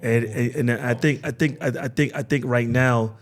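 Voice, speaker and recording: A man co-hosting a casual podcast. He talks earnestly, circling back over his words and stammering before he lands a point. His voice sits at an ordinary middle pitch. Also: fairly even intonation, moderate pace. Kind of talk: casual chat.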